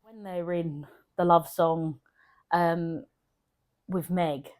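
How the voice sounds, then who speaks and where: A woman with a fairly low voice co-hosts a film podcast, chatting casually and eagerly. She speaks, often trailing off mid-thought and starting over. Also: steady tone, drawn-out words, darkish tone. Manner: chatty, enthusiastic, trails off and restarts. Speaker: podcast co-host. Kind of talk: casual chat.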